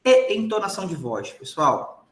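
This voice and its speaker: A man's voice: high-pitched, sing-song, normal speed, roomy sound. A man with a Brazilian Portuguese accent giving a recorded lecture to law students, emphatic and often checking in with the class.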